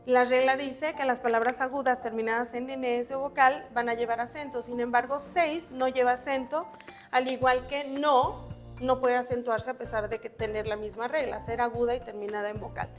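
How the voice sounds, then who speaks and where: A spelling teacher runs an exam-prep lesson, patiently walking through the rules step by step with examples as she writes on a board. Her voice is fairly high with fairly even intonation at a normal speed. Soft music plays in the background.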